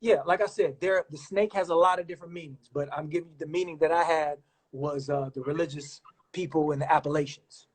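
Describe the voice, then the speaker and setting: A man's voice: fairly high pitch, fairly even intonation, a little fast. Man, live-stream host, easygoing, says brother a lot, phone audio. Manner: laid-back, says man and my brother often. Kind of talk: casual live-stream chat with callers.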